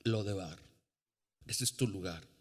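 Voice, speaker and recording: A man voicing the devil as a slow, low, sneering accuser in a sermon. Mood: taunting. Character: accusing devil, male, taunting and scornful.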